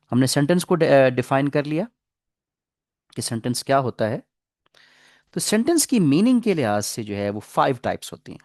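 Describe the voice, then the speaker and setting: A man teaching English grammar in a classroom lecture, explaining patiently, reading English example sentences slowly and asking the class questions. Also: medium pitch, a little mellow, no room sound, studio quality. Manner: asks the class questions and repeats answers.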